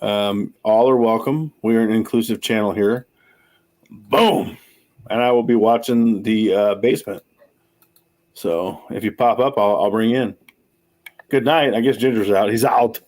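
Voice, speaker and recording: In his forties, this man hosts a casual livestream, rambling, swearing and frequently making fun of himself. He speaks unhurriedly in a fairly low voice with a darkish tone.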